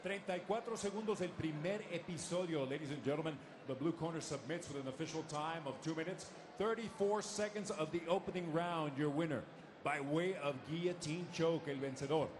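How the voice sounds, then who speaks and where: A man announcing formally from the ring in a lucha libre announcer manner, building to booming, drawn-out calls. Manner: formal, ceremonial, booming drawn-out winner call. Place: live fight event arena. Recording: clear arena noise behind.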